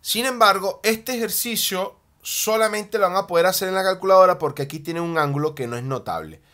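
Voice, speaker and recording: A man teaching a math lesson at a board, animated, often checking in with a quick "ok?" and slowing down on key terms as he writes. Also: high voice. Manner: slows down and stretches key terms while writing.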